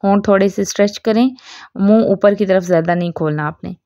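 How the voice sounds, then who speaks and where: A woman teaching Quran recitation in a recorded audio lesson, explaining patiently and reciting examples slowly. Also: mid-range voice, dark tone, dry recording, studio quality.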